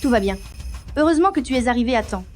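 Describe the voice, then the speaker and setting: A woman's voice: fairly high pitch, lively intonation, fast talker, faint music behind, natural voice. A woman dubbing a devoted young assistant, sounding pleading. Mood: distressed. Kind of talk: French drama dubbing.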